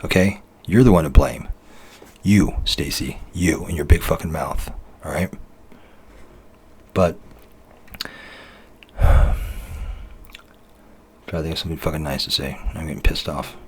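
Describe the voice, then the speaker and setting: A man's voice: very deep voice, a little slow, long pauses, darkish tone, slight background noise. A man leaving a bitter, accusatory voice message to his partner, ranting and swearing heavily. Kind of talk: angry recorded voice message.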